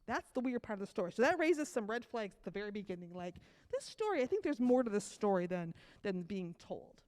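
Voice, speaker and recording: A woman's voice: medium pitch, a little fast. Woman with a cold telling kids a story. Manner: animated storytelling to children, asks questions. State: has a cold. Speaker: children's message leader. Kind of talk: children's sermon.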